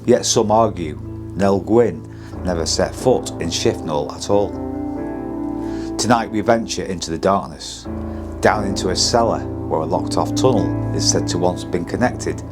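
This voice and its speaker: A man's voice: deep voice, measured pace, over loud music. A British man hosting a paranormal investigation, narrating a script in a dramatic storytelling manner.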